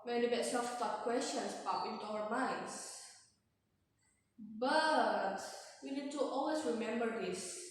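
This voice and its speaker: Teen female student, Indonesian accent, reciting a rehearsed speech stiffly and emphatically; recorded from a distance in a reverberant hall. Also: a little high. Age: teens. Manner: stiff, rehearsed declamation with deliberate emphatic pauses. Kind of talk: memorized competition speech. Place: large echoey indoor room. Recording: echoey hall from far off, faint noise.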